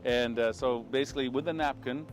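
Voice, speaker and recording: A man's voice: mid-range voice, steady tone, fairly quick, soft background music. An older Canadian man telling anecdotes in a casual interview, with a rambling, folksy way of talking. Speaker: town crier being interviewed. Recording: clear outdoor street and vehicle noise.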